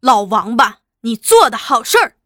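A furious, hot-tempered husband in a storybook reading, shouting accusations, as a woman reader puts him on. The voice stays high, dry and close. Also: sing-song, a little slow, no echo, full character voice.

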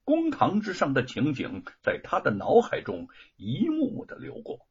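A man's voice: high-pitched, wildly swooping pitch, normal speed, breathy edge. A man telling a story in a dramatic storytelling style, theatrical and swooping. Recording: dull lo-fi recording.

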